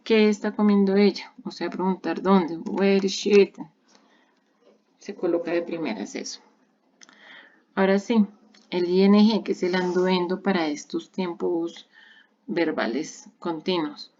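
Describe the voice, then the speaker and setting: A woman's voice: on the low side, steady tone, a little slow, long pauses, a little mellow. A woman, an English teacher giving a recorded online grammar lesson, explaining patiently step by step and repeating examples. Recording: dull lo-fi recording.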